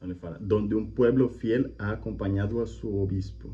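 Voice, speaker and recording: A man's voice: lowish voice, fairly even intonation, normal speed, dark tone. A man, hosting and teaching language in a chatty, explanatory way, often checking in with "né?". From Colombia. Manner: friendly, chatty, repeats examples with frequent "né?". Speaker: language teacher and channel host. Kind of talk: casual explanatory reaction video. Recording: slightly muffled with faint hum.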